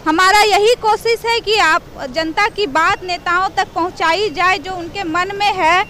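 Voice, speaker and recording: A woman's voice: very high-pitched, unhurried, background noise. A woman street reporter, chatting with passersby and coaxing them with questions on a busy street. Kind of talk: street vox pop reporting. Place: busy street crossing outdoors.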